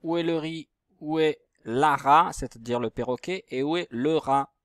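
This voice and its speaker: A man's voice: a little high, steady tone, normal speed, a bit bright, no room sound, studio quality. A male teacher patiently explaining handwriting and reading exercises step by step to young children at home. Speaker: primary school teacher. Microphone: computer mic while writing with the mouse.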